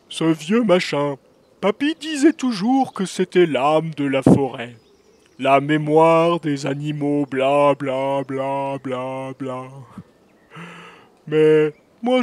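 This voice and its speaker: A man voicing a big, casual, evasive male moose with a deep, drawling voice in a children's audio story. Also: slow, a little mellow, dry recording. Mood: easygoing.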